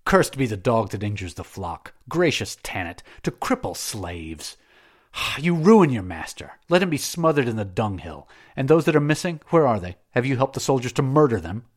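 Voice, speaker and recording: A man's voice: lowish voice, sing-song, normal speed, slightly rough, full character voice. A man reading as a stern, scornful general who gives commanding orders in a storybook. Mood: furious. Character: stern, imperious male Carthaginian general.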